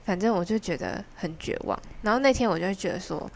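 A young woman with a Taiwanese Mandarin accent, hosting a podcast and telling a story in an animated, chatty, giggly way. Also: mid-range voice, brisk, gravelly, a little hiss or hum. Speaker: podcast host. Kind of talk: casual storytelling chat.

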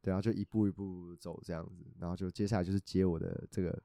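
A man's voice: deep voice, fast, dry recording, clean studio sound. A man co-hosting a podcast, telling a story in casual chat and acting out the quoted voices. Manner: animated, acts out quoted voices. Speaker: podcast co-host.

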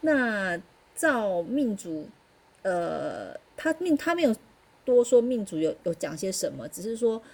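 Warm, breathy woman podcaster. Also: mid-range voice, big pitch swings, unhurried. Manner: musing, chatty, frequent hesitant fillers. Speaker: podcast host. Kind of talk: casual solo podcast talk.

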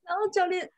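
A woman, a mother telling a story in casual chat, laughing often. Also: very high voice.

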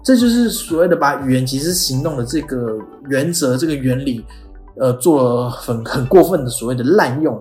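In an explanatory podcast lecture, a host walks through an idea step by step like an easygoing lesson, often pausing on "哦" and acting out short quoted examples. The pitch is middling. The room is large and echoey, with faint music beneath.

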